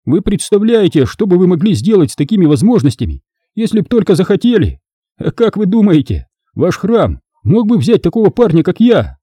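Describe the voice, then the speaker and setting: A wisecracking young thief, cheeky and boastful, as a male narrator puts him on in a raised, husky voice with lively swings in pitch. The audiobook sound is dry and close. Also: fairly quick, no room sound, heavily acted.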